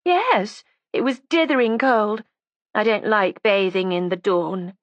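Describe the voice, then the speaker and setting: A woman's voice: medium pitch, slow, no echo, dull audio, pitched above the performer's own voice, natural voice. A woman reading an audiobook, voicing a resentful, defiant young woman with a sarcastic, combative edge. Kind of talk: audiobook character voice.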